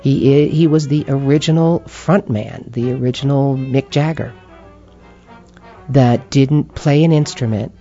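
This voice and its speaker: An older woman talking casually as an interview guest, animated and quick to laugh, acting out voices as she tells her stories. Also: a bass voice, highs cut off, soft background music. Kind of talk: casual chat.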